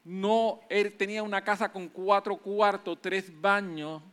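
Male preacher, really high voice, emphatic, keeps saying hallelujah. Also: steady tone, a little slow, fairly bright tone, clear, resonant tone. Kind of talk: sermon.

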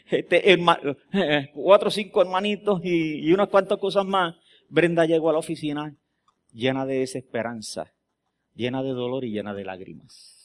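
A male pastor with a notably high voice delivers a sermon. He rises into loud, emphatic declarations, then drops into hushed, close storytelling. He keeps drawing the congregation in with questions. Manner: swings from loud emphatic preaching to quiet storytelling; asks the congregation rhetorical questions.

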